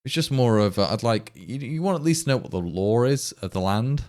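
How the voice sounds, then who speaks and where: A livestream programmer from England, an East Midlands man, chats casually with stream viewers, rambling and exasperated, restarting his sentences often. His medium-pitched voice is animated and a little mellow, at a normal speed.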